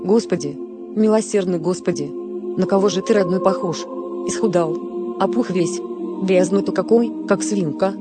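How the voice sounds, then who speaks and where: A woman's voice: medium pitch, moderate pace, loud music behind the voice, close to an everyday voice. A woman reading as a grumpy hungover village mother. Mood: wailing. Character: drunk, grumbling village mother, hungover and cold.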